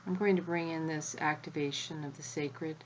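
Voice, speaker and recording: A woman guides a spiritual energy activation, speaking in a measured way with long pauses between short phrases. Her voice is low and her tone steady, with a little hiss or hum in the recording.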